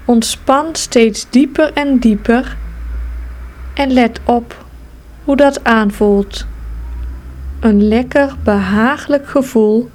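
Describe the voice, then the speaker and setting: A woman guides a progressive muscle relaxation exercise in a slightly high voice. She delivers her instructions very slowly, calmly and soothingly, with long pauses.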